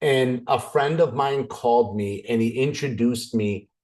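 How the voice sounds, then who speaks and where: Over a video call, a man from Canada who seems to be in his thirties delivers a business presentation in a relaxed, joking, talkative way, drifting into tangents. He speaks unhurriedly in a medium-pitched, slightly mellow voice.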